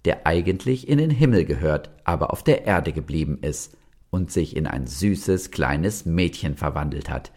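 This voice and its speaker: Husky low-voiced male storyteller. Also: normal speed. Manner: lively, addresses children directly. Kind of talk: reading a children's story aloud.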